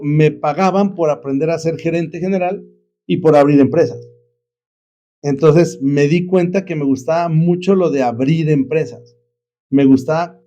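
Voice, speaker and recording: A man's voice: fairly high pitch, dark tone, lo-fi sound, a little hiss or hum. A middle-aged man, an entrepreneur guest telling his story in a casual, reflective way, rambling with many fillers and restarts. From Mexico.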